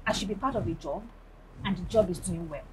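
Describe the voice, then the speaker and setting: A woman with a Nigerian accent, a guest actress on a talk show, speaking emphatically and telling her views in a lively way. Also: fairly low pitch, quick pace, poor audio. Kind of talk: casual chat.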